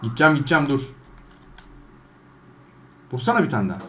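A man doing gameplay commentary, trash-talking game characters and swinging between loud outbursts and low mutters. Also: very animated, quick pace, a little hiss or hum. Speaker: gaming YouTuber.

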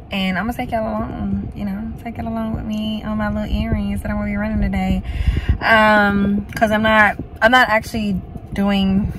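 Brief: woman, 30s, chatty car vlog to a phone held at arm's length, light road hum behind. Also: medium pitch. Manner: chatty, lots of "like" and "y'all". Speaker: vlogger. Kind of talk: casual vlog chat to camera. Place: parked car. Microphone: phone camera at arm's length.

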